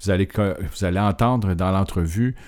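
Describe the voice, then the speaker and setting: Low-voiced hesitant Quebec host. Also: male voice, normal speed, a little mellow. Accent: Quebec French. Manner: rambling, hesitant with many filler sounds. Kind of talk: casual radio-style presentation.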